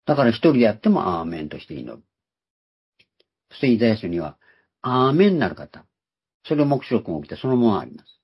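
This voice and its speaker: A man's voice: on the low side, big pitch swings, a little fast, long pauses, slightly rough. A man giving a Bible teaching sermon, explaining terms one by one and repeating key words for emphasis. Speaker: preacher. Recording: dull lo-fi recording.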